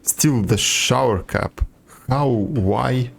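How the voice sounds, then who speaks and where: A man with a mid-range, gravelly voice talks extremely slowly, with a little hiss or hum on the recording. He's streaming a game indoors with game music behind him, chatting casually and commenting to himself in a wry, self-deprecating way.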